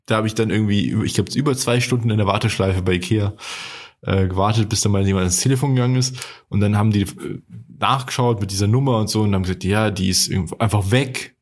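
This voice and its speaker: A man's voice: lowish voice, fast. A man co-hosting a casual podcast, telling rambling personal anecdotes full of restarts and asides. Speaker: podcast co-host. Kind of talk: casual chat.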